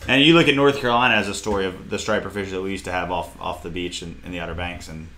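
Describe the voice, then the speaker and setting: A man's voice: low-pitched, fairly even intonation, fast, pushed and bright, a little hiss or hum. A man hosting a podcast in a casual, informal, agreeable and laid-back way. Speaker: podcast host. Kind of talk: casual chat.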